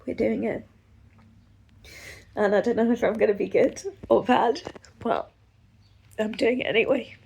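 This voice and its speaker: A woman vlogger recording a tearful, halting video diary at home on her phone, her voice trailing off into soft whispers. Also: on the high side, fairly even intonation, creaky, slightly rough, dull audio. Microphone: phone camera.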